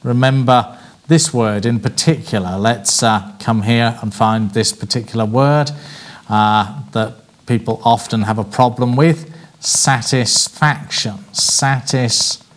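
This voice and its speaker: A man teaches a class on presenting, his voice in an ordinary middle pitch. He talks clearly and deliberately. He slows right down whenever he spells out a word. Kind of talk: lecture on presentation skills.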